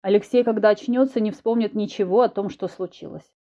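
A woman's voice: medium pitch, fairly quick, mellow, close to an everyday voice. A woman voicing a blunt, commanding man who was once a cat, in an audiobook. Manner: curt, commanding.

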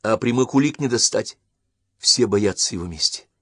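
A man reading a historical novel aloud as an audiobook narrator, with measured, dramatic storytelling. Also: fairly low pitch, expressive, a bit bright, slightly rough, no room sound, studio quality.

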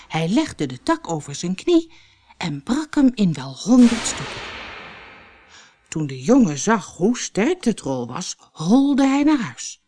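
A woman narrating a fairy tale for an audiobook in a slow, expressive reading style. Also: medium pitch. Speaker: storyteller.

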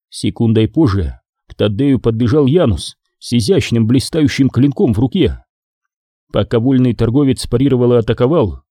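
Dark-voiced male audiobook narrator. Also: mid-range voice, no echo, clean studio sound. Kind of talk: scripted narration of a sci-fi battle novel.

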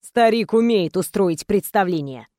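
A woman voicing a menacing, foul-mouthed male gangster in a low, threatening growl. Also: lively intonation, a little slow, darkish tone, no echo, studio quality, close to an everyday voice. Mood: furious threat.

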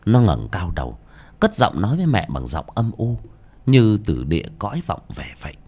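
A man giving dramatic, expressive scripted narration of a horror story. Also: fairly low pitch, moderate pace, husky. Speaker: audiobook narrator.

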